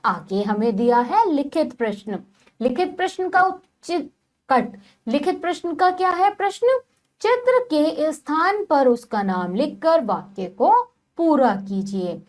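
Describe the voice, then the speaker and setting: A woman teaches young children from a textbook. Her voice sits high and swings up and down a lot, and she sounds out each word slowly and patiently. She keeps turning to the class with questions. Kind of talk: primary-school Hindi lesson, reading from a textbook.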